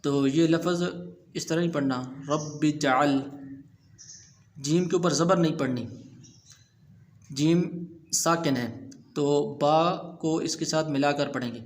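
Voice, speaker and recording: Man teaching Quran recitation rules. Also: fairly high pitch. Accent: Pakistani Urdu. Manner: chants verses slowly, explains rules in quick plain speech. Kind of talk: Quran tajweed lesson.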